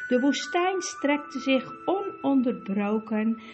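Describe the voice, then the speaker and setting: A woman reading a storybook aloud in a measured way. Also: high voice, big pitch swings, highs cut off, over music. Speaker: audiobook narrator. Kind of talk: storybook narration.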